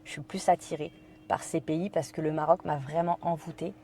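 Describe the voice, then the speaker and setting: A woman's voice: low-pitched, fairly even intonation, moderate pace, mellow. A woman from France, a podcast guest, telling a personal story in conversation, hesitant with many fillers and quoting her own inner thoughts.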